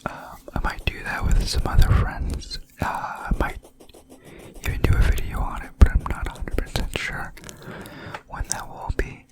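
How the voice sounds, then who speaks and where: A person whispering close into the ear, rambling haltingly in an unhurried way over ASMR gameplay. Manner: close, leaning-in whisper into the ears. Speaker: gaming video creator.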